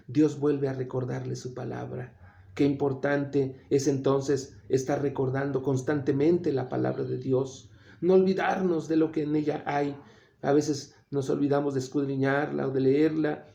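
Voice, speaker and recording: An earnest male preacher delivering a sermon with a gravelly, dark-toned voice that sits slightly high. He slows down to press home his points.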